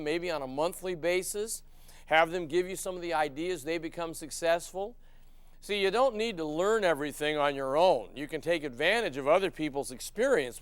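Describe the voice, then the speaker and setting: A man's voice: a little high, smooth, dry recording. An older man giving a folksy, emphatic motivational sales lecture, asking his listeners questions as he goes. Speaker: sales trainer.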